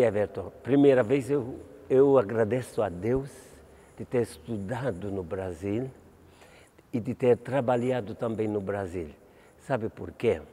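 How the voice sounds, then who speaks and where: Speaking in a large hall, this Maltese man in his seventies is a priest being interviewed; he falters, starts words over, and keeps asking "entende?". His voice is lowish and warm with a breathy edge, shaped by his Maltese accent.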